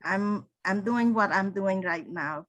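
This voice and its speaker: Slow Cambodian-accented older woman. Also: medium pitch, fairly bright tone, poor audio. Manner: unhurried, with restarts and non-native grammar. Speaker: guest, speaker and author. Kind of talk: interview answers.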